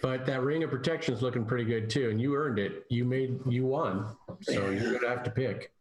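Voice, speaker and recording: A man's voice: mid-range voice, a little fast. A man playing in a tabletop game, talking in a direct, encouraging way. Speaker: player. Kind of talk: casual tabletop play. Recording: roomy echo.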